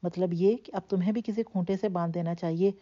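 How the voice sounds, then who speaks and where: A woman's voice: on the low side, steady tone, warm tone, muffled recording, lightly acted. A woman reading the lines of a loving, worried older aunt who treats her nephew as a son, in an earnest, coaxing manner. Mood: fond.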